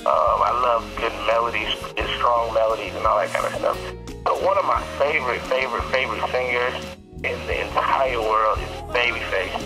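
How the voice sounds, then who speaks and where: A man heard over a phone line, talking in a mid-range voice as he chats about his work. He rambles loosely, with lots of fillers and restarts. Music plays loudly behind the call. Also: mid-range voice, steady tone, moderate pace. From Carolina. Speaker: gospel artist guest. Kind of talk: casual phone interview.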